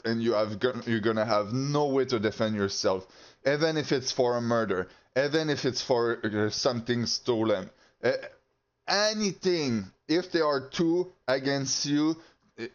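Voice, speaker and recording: Brief: a man ranting to camera, fired up and foul-mouthed, stumbling over his words, mid-pitched, recorded on slightly muffled audio. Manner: heated, profane, halting with restarts. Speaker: channel host. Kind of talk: casual rant to camera.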